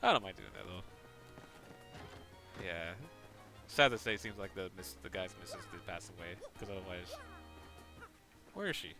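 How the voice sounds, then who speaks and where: A man's voice: deep voice, very animated, normal speed, long pauses, music in the background. A man streaming a game, casually explaining its mechanics. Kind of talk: casual gameplay commentary.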